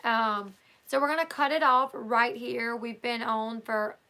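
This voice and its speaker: Hoarse and a little high, with a gravelly fry and a bright, edgy tone, this woman reads a book aloud on a live stream while chatting loosely with her chat. She keeps a steady tone and a slightly slow pace, thinking aloud with plenty of ums and restarts.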